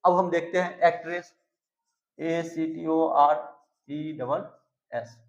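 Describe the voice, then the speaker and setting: A man teaching English grammar in Hindi, spelling out and repeating words slowly to show their pronunciation. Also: fairly high pitch, steady tone. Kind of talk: explanatory lesson. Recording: echoey, slightly dull recording.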